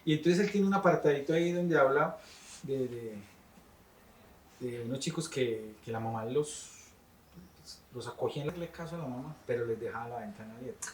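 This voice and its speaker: A man's voice: mid-range voice, a little fast, far from the mic, slight background noise. A man, a teacher interviewing a guest in a thoughtful, rambling way. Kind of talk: conversational interview questions. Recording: roomy, off-mic sound.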